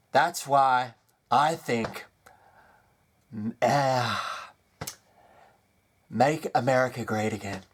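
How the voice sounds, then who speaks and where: A man delivering a comedic character rant, lurching between low mutters and loud outbursts. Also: drawn-out words, long pauses, a little hiss or hum.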